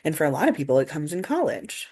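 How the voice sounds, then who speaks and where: Low-pitched woman, earnest and halting. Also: sing-song, mellow, breathy edge. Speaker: book review co-host. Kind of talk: casual discussion.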